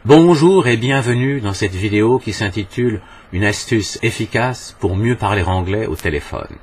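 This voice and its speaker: Deep-voiced man giving a measured lesson. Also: animated, breathy edge. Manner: measured, posing rhetorical questions. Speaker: English trainer. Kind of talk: scripted video lesson.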